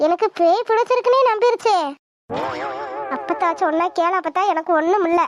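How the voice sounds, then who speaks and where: A woman voicing an exasperated, high-pitched young woman. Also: brisk, muffled recording, music in the background. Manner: protesting, pleading, irritated.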